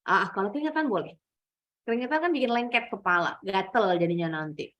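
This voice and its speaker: A woman's voice: mid-range voice, animated, quick pace, fairly bright tone. A woman teacher running an online class for children, explaining step by step and exaggerating the rise and fall of her voice to show examples. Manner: patient, explains step by step with exaggerated rising and falling demos. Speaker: English teacher.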